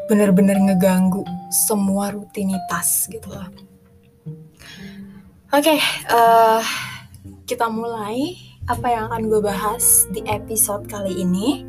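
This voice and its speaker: A young woman hosting a podcast in a casual, rambling monologue, full of fillers and restarts, dropping English phrases into slangy talk. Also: medium pitch. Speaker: podcast host.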